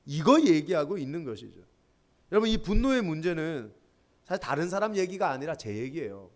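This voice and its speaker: A middle-aged male pastor preaching to young adults, with a high voice that leaps up and down across a wide range. He leads call-and-response readings and acts out his own stories. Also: big pitch swings, a little fast. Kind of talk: sermon to a young adults group.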